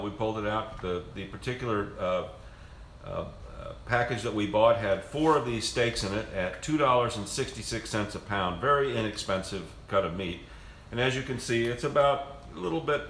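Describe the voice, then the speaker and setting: A man's voice: mid-range voice, fairly bright tone, roomy sound, a little hiss or hum. A man hosting a home cooking video, explaining the method casually and rambling with frequent restarts in his kitchen.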